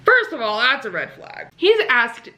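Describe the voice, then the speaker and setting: A young woman chatting casually to her camera as a book vlogger, giggly and animated as she tells stories. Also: on the high side, moderate pace, muffled recording.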